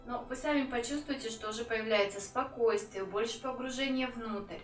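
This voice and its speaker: A woman giving an instructional breathing lesson as a yoga teacher, calm and unhurried, with pauses between phrases. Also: a little high. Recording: roomy echo, distant mic, music.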